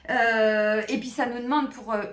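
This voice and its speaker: A woman's voice: fairly high pitch, fairly even intonation, normal speed, fairly bright tone, echoey room. A woman doing a casual weekly card reading, a therapist who chats directly to her viewers with many fillers. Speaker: tarot card reader and therapist.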